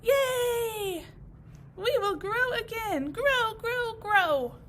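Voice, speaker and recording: A woman voicing a group of eager, dramatic grass blades in a picture book, all cheering and excitable. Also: high-pitched, slow pace, a little hiss or hum, heavily acted. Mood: joyful.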